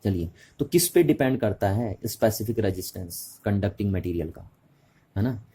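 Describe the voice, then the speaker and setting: A man gives a classroom physics lecture. His voice sits low and has a slightly husky, mellow tone. He talks patiently, repeats the important terms and keeps checking that the students understand. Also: animated, moderate pace. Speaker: physics teacher. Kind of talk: classroom lecture mixing Hindi and English.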